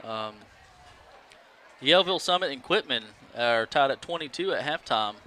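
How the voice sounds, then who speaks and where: A man doing play-by-play for a high school football game, easygoing and filling pauses with "um". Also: expressive, sharp tone. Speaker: play-by-play announcer.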